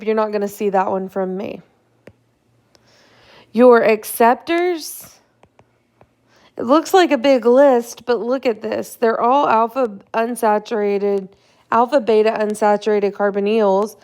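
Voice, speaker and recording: A woman's voice: a little high, unhurried, a little mellow, smooth. A young woman who is a chemistry instructor, giving a casual recorded lecture over slides, a bit tired and yawning, with fillers and checks like "right?".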